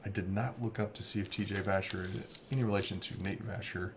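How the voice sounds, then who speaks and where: A man's voice: lowish voice, fairly even intonation, a little fast, gravelly. A man hosting a card break, casually rambling as he reads off player names. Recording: faint background noise.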